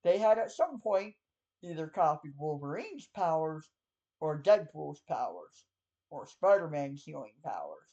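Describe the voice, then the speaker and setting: A man's voice: fairly high pitch, sing-song, a little slow, dark tone, highs cut off. A man narrating a tabletop game as game master in a loose, conversational way with frequent fillers.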